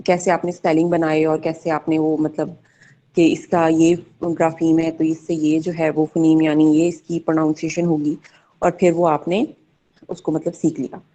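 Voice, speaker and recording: A young woman presents to her class in a mellow, somewhat low voice. She halts often and fills her pauses as she explains. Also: level tone. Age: young adult. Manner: hesitant, many fillers, mixes Hindi-Urdu and English. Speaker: student presenter.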